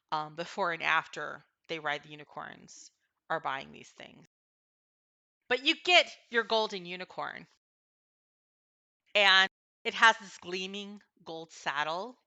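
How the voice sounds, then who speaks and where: A woman narrating a tabletop fantasy game as game master, improvising haltingly as she thinks aloud. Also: fairly low pitch, bright, forceful tone.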